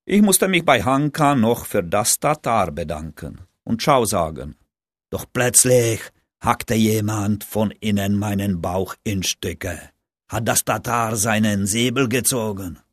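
A man narrating a first-person audiobook story in a lively storytelling manner. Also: lowish voice, a little slow, no room sound, clean studio sound. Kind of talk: audiobook reading.

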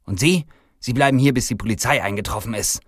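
Guy voicing a nasty snappish store manager, bossy, hisses orders, raised pitch. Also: animated, a little fast, no room sound, studio quality, close to an everyday voice. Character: spiteful middle-aged male store manager.

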